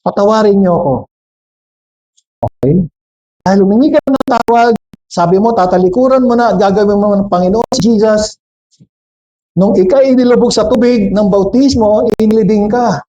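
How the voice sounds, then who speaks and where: A man's voice: high-pitched, moderate pace, pauses often, dark tone, highs cut off. A man with a Filipino accent preaching a sermon, switching between Tagalog and English, questioning and joking with the congregation. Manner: jokes with the congregation.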